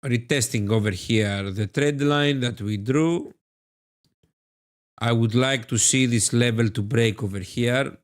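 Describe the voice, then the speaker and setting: Male trading streamer, slow and unhurried, casual direct address. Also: mid-range voice. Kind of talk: live trading stream chat.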